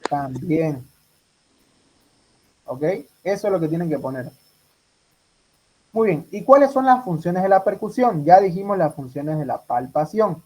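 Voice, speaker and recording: A man's voice: a little high, lively intonation, unhurried, pauses often, darkish tone, low-quality recording. A man runs an exam review for medical students. He fires questions at the class and repeats each answer back to them. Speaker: medical tutor.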